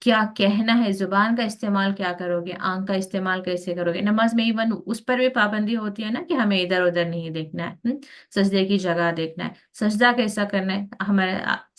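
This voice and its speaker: Lady teaching a quran class, explains slowly with lots of fillers, throws in english words. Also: medium pitch. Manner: explains step by step with many fillers; mixes English words into her speech. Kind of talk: Quran lesson.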